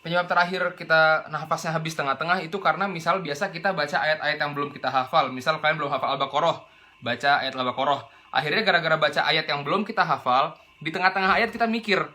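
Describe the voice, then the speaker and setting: A man's voice: a little high, fast talker, sharp tone. A young man, teaching Quran recitation in a casual, slangy explainer style. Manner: chatty, slangy, demonstrates recitation and silly voices.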